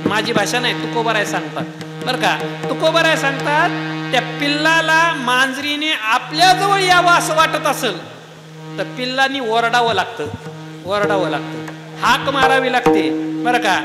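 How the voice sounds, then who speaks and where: A man's voice: very high voice, lively intonation, moderate pace. A man preaching a devotional sermon, quizzing his listeners with rhetorical questions and breaking into sung verses. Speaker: kirtan preacher. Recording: echoey hall with music.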